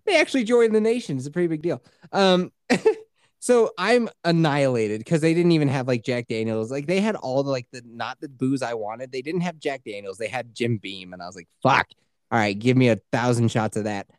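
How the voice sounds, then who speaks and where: A woman's voice: extremely low pitch, animated, a little fast, darkish tone, dry recording, studio quality. A woman telling a funny story in a casual chat, mocking herself and laughing often.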